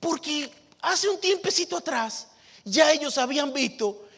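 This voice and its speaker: A man preaching a sermon as pastor, animated, acting out Bible dialogue with chuckles between points. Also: extremely high pitch, unhurried. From Dominican Republic. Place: church sanctuary. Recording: reverberant church hall.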